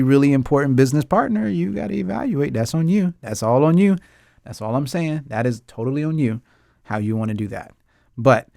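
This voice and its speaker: Animated man ranting, very lively pitch. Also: dry recording, studio quality. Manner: animated, emphatic ranting with repetitions; laughs often. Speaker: host; English teacher. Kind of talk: casual commentary on a TV drama.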